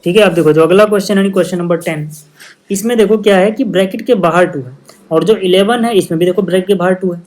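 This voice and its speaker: Step by step and with patience, a fast-talking man explains a maths problem at a whiteboard, regularly checking that his students understand. His voice is high-pitched and slightly mellow, his accent Hindi, and his Hindi is laced with English maths terminology.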